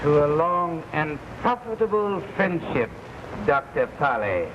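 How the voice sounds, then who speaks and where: A scheming courtly villain boss on a hissy 1950s TV broadcast. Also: male voice, fairly high pitch, very animated. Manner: formal, slow and deliberate. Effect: noisy, dull 1950s TV broadcast recording. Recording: hissy, muffled old TV soundtrack.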